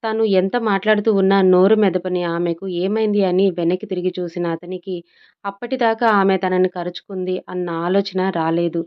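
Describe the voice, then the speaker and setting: A woman narrating a romance audiobook in a calm, measured storytelling manner. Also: lowish voice, smooth, highs cut off.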